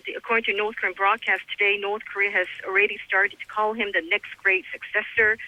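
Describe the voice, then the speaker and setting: A woman's voice: medium pitch, no echo. A woman news correspondent giving a live, unscripted report over a remote phone link. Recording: bright, dry, dull-band phone-line sound.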